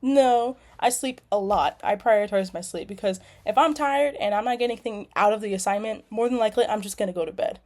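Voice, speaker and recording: This young adult nursing student from California talks quickly in a medium-pitched, slightly mellow voice, barely pausing as she casually introduces herself on video. Ums and likes come up constantly, while lawnmowers hum outside.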